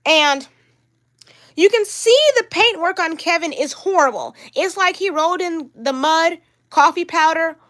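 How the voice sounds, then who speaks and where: Brief: young woman, high voice, upset rambling livestream vlogger. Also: a little slow, fairly bright tone. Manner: upset, rambling, repeats herself. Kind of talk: livestream vlog talk.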